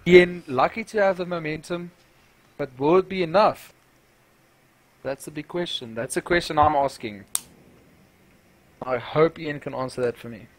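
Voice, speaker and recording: A man's voice: fairly high pitch, normal speed, long pauses. A man co-casting a live esports match in an easygoing, self-mocking way. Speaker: esports co-caster.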